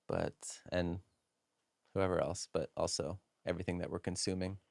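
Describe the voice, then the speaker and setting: A man co-hosts a casual podcast in a very low voice. He teases his co-host with dry, deadpan one-liners and talks candidly about his own life. His voice is recorded close and dry. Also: normal speed, gravelly, no room sound. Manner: dry teasing humor.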